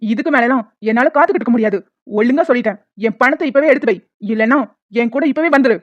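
A brutal male moneylender from a cartoon, acted by a woman, crude and threatening. He talks fast and a little high. The sound is thin and phone-like, with no room echo. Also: natural voice. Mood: menacing. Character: menacing male loan shark, brutal and lecherous. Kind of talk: cartoon voice dubbing. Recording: tinny phone-like, dry.

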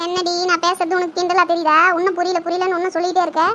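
A woman's voice: very high voice, flat delivery, rapid-fire, fairly bright tone. A woman voicing a nagging older mother-in-law in a family cartoon. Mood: scolding. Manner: scolding, complaining. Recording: noisy home recording.

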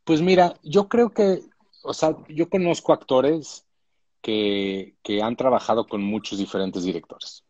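A man talks things through slowly and thoughtfully, often restarting his sentences. He is on a phone or laptop video call from a room at home, and the sound is dry and close. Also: mid-range voice, a little mellow, no room sound, muffled recording. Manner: thoughtful, reflective, with frequent restarts. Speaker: showrunner and director, guest. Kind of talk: casual live-stream interview.

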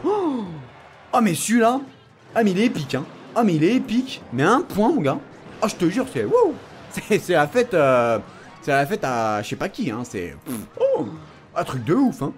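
A young man giving casual gameplay commentary, excitable and playfully trash-talking, laughing often. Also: sits high. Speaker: gaming channel host.

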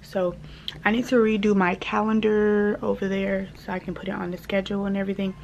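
A woman's voice: mid-range voice, flat delivery, a little fast, creaky, highs cut off, a little hiss or hum. A young woman, chatting casually to her vlog viewers, rambling and calling them y'all. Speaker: vlogger. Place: at home.

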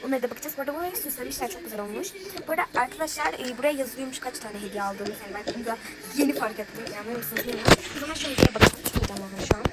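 A woman chatting excitedly to viewers while narrating a game role-play. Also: fairly high pitch, rapid-fire, over a noisy crowd, poor audio.

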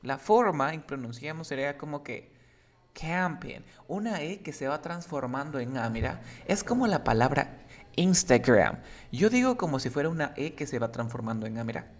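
A man's voice: on the high side, sing-song, moderate pace. A man teaching English to a Spanish speaker, explaining words patiently and switching between Spanish and English. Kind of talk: bilingual English lesson.

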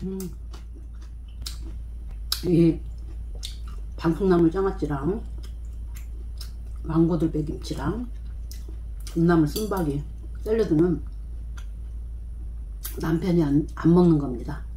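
A woman talking while chewing as she eats on camera, softly describing her food in a casual eating vlog at home. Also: low-pitched, reverberant, slight background noise, poor audio. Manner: soft, unhurried, describing food between bites. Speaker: mukbang vlogger.

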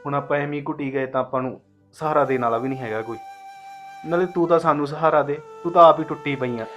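A man's voice: on the high side, fast talker, fairly bright tone, highs cut off, faint music behind, lightly acted. An actor playing a grieving younger son who pleads with his mother to stop crying. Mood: pleading. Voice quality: pleading, choked with grief. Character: grieving young man, younger brother of the dead. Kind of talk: emotional drama acting.

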